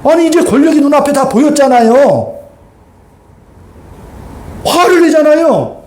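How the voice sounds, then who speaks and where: High-voiced pastor preaching in an echoey hall. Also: male voice, a little slow. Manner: animated storytelling, acting out quoted voices, rhetorical questions. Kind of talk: sermon. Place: church sanctuary.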